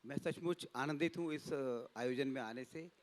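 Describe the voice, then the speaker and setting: A man in his fifties, a publisher, giving a measured, formal talk on a festival panel. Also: mid-range voice, poor audio. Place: stage at a literature festival.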